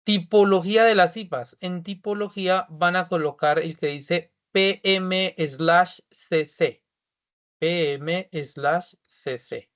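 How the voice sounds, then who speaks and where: A man's voice: high voice, slow pace, a bit bright, highs cut off. A male teacher from Colombia walking students through a form in an online class, repeating each step and checking that everyone is ready.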